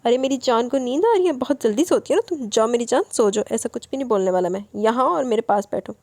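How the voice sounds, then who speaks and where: A woman's voice: fairly high pitch, dark tone, dry recording, close to an everyday voice. A woman reading as a stern, teasing young husband. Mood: coaxing. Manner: scolding, lecturing, then tender. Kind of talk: audiobook novel reading.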